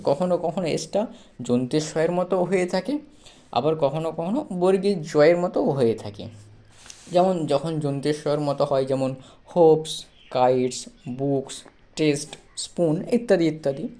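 A teacher giving a pronunciation lesson in a steady, patient voice. Each word is spelled out letter by letter, then repeated to drive the point home. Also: medium pitch. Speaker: English teacher.

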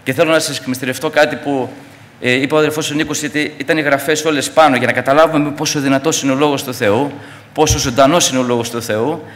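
A man's voice: medium pitch, steady tone, fairly bright tone, long reverb tail. A middle-aged man giving a fervent, repetitive testimony to a church congregation.

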